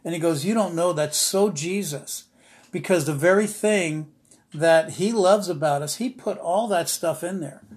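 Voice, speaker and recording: Chatty man, slightly high voice. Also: unhurried. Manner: rambling, storytelling, frequent fillers and restarts; dry sarcastic humor. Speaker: podcast host, ministry teacher. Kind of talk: informal devotional podcast talk.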